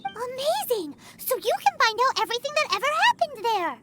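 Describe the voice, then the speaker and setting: Squeaky, excitable little fairy sidekick. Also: female voice, a little fast, very noisy. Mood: eager. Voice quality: squeaky, childlike. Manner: exclamatory, curious, eager. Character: tiny excitable childlike floating fairy sidekick. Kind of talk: video game character acting.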